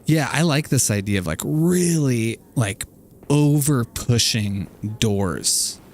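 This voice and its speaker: A man's voice: medium pitch, expressive, takes it slowly, darkish tone, a little hiss or hum. A man giving casual, rambling commentary as he streams a video game, wry and musing, trailing off mid-thought.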